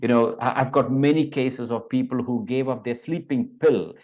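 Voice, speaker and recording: Man in his fifties, from India, Vedanta teacher, hesitant speech with fillers, video call interview, mid-pitched voice. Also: moderate pace, darkish tone, dull audio. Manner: hesitant, many fillers and restarts.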